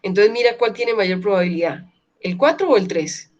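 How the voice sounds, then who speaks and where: A woman lecturer teaching an online class, often checking in with her students and slowly repeating key words. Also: mid-range voice, lively intonation, darkish tone, lo-fi sound. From Colombia. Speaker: university lecturer.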